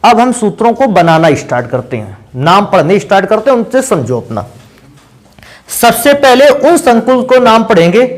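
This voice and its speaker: A man with a notably high voice gives a chemistry lesson in a classroom. He explains step by step in a patient way and keeps asking his students questions as he goes. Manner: patient, addresses students as "beta" and asks them questions. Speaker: chemistry teacher. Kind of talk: classroom lecture.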